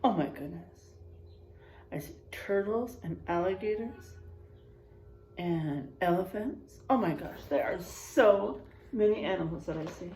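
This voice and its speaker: A woman teacher reads a picture book aloud to children with lots of expression, drawing out the rhymes and tossing in chatty, exclamatory asides. Her voice is on the low side and a little mellow, her pace slightly slow, with some faint background noise.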